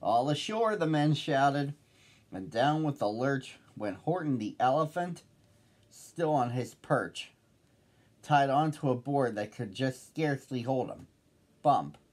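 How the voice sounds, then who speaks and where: A man reading a children's picture book aloud as host, with a slow, lively storyteller's lilt. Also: medium pitch.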